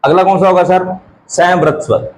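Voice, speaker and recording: A male teacher gives an exam-prep grammar lesson, asking questions and answering them himself while repeating key terms slowly. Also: high voice, steady tone, a little mellow, low-quality recording.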